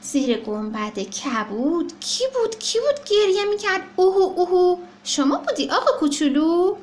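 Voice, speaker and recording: A woman's voice: very high-pitched, sing-song, a little mellow, a little hiss or hum, pitched above the performer's own voice. Woman voicing a cheerful kind dentist. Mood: playful. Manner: cheerful, reassuring. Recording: roomy echo.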